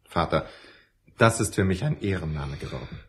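Radio play son-in-law, lowish voice, kindly and encouraging. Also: male voice, animated, moderate pace. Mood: gentle, encouraging. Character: kindly son-in-law cheering up an old man.

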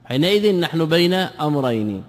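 A man's voice: a little high, very animated, fairly quick. A male scholar teaching grammar in a classroom lesson, repeating words and quizzing his students with questions. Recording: long reverb of a large hall.

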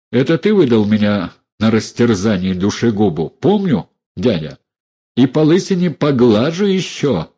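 A man's voice: fairly low pitch, dark tone, breathy edge, heavily acted. A man voicing a furious, defiant young woman who hurls scornful accusations at her relatives.

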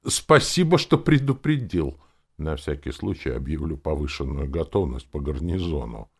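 A man's voice: a bass voice, big pitch swings, normal speed, husky, full character voice. A man voicing a cheeky, laid-back male army captain in an audiobook. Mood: deadpan. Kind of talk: audiobook character voice.

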